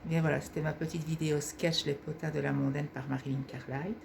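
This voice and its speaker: A woman with a husky voice, hosting her own sketch video and talking casually to her viewers. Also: low voice, little pitch movement, fairly quick, background noise. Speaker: sketch video creator and host. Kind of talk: casual vlog talk to viewers.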